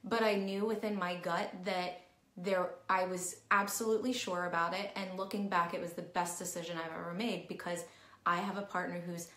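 A woman's voice: lowish voice, fairly even intonation, moderate pace, a bit bright. A middle-aged woman in a candid, casual vlog talk to camera, full of "like" fillers. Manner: candid, chatty, heavy use of "like" fillers. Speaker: vlogger. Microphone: camera at close range, talking to herself on screen. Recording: roomy echo.

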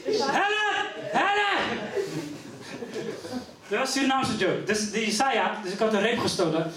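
A man's voice: high voice, quick pace, a crowd in the background. A middle-aged man from Rotterdam telling stand-up stories on stage, acting out the voices of his family. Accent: Rotterdam Dutch. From Netherlands. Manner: animated storytelling, acting out voices. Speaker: stand-up comedian. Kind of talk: live stand-up comedy. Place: community venue stage before an audience. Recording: roomy live hall, mic at a distance.

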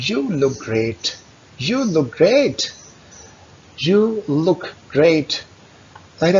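A man teaching English phrases to learners, explaining in Urdu and slowly repeating each English sentence for them to copy. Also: gravelly, a little mellow. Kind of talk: spoken language lesson with slides. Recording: dull lo-fi voice-over with faint rumble.

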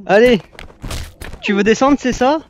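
A man's voice: very high-pitched, lively intonation, slow pace, highs cut off, a little hiss or hum. A young man giving casual, playful commentary while playing a VR game, teasing the characters he fights. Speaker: gaming YouTuber. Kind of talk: casual Let's Play commentary.

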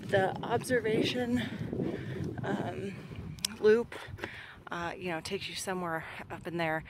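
On her honeymoon, a young vlogger narrates a boardwalk hike in a slow, mid-range voice, chatty and heavy on fillers as she points out what she sees. The audio comes from a camera held at arm's length outdoors, with wind noise audible.

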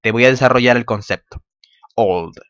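A man's voice: mid-range voice, moderate pace, fairly bright tone, clean tone. A man teaching English vocabulary in a casual video lesson, checking in often with his students and repeating words for them to echo.

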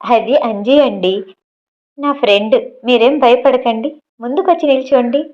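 A shy, gentle young woman with a soft, pleading way of talking, read by a woman narrator. The voice sits fairly high and humble. The recording sounds dull and lo-fi. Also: moderate pace, close to an everyday voice. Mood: reassuring. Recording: dull lo-fi audio.

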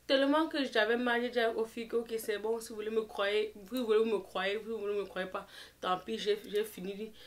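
A woman's voice: a little high, fairly even intonation, brisk. A young woman telling a personal story in a casual storytime style, mixing English phrases in and leaning on fillers. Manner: chatty, mixes English phrases into French; leans on fillers like "genre" and "et tout et tout".

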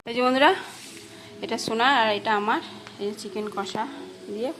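A woman's voice: fairly high pitch, normal speed. A woman in her thirties, a home vlogger and mother, chatting casually to her viewers while she cooks at home. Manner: chatty, talks straight to viewers while cooking. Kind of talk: casual vlog narration to viewers. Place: home kitchen indoors. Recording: clattering kitchen noise behind. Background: dishes, pots and cutlery clatter.

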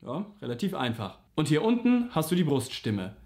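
A man's voice: on the high side, huge pitch swings, moderate pace, a little mellow. A man teaching a singing lesson, explaining simply and patiently, and sometimes singing vowel slides to show an exercise. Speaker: vocal coach.

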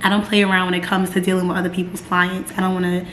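A young American woman with a hoarse, raspy smoker-like voice, chatting casually to camera in a vlog. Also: lowish voice, completely flat delivery, very fast. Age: young adult. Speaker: vlogger. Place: bright open-plan apartment, indoors. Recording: roomy echo, clear background noise.

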